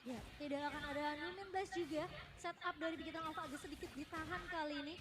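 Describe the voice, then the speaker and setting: A woman's voice: sits high, fairly even intonation, fast, background noise. A woman with an Indonesian accent giving analytical commentary as co-caster of an esports match.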